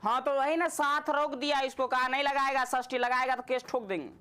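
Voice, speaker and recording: High bright woman teaching. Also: steady tone, brisk, smooth. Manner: chatty, teasing, quizzes students. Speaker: Sanskrit teacher. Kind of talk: classroom teaching. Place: classroom with students.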